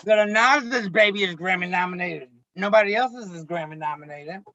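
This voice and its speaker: Bright, high-voiced man hosting a chat. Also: moderate pace, no echo, lo-fi sound. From United States. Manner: playful, theatrical teasing. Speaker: host. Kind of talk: casual group chat.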